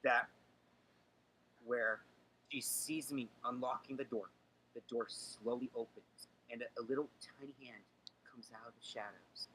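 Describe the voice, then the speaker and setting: Young man, bright voice, faint hiss behind, dramatic rambling storyteller. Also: mid-range voice, steady tone, measured pace, poor audio. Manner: hesitant, dramatic, lots of fillers and restarts. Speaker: streamer's boyfriend telling a ghost story. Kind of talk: casual storytelling on a livestream call.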